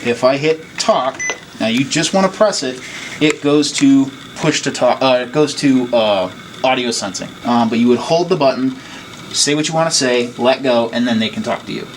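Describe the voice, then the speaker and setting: At an indoor equipment station, a man trains staff through an informal hands-on demonstration, laying things out simply one step at a time. His voice is medium-pitched and his pace normal, with a noisy room clearly heard behind him.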